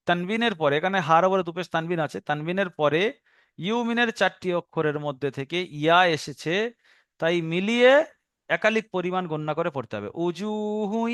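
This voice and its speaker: High-voiced man teaching Quran reading. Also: a bit bright, clean tone, no echo, clean studio sound. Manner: explains rules step by step, repeating phrases, drawing out recited Arabic words slowly. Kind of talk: tajweed lesson.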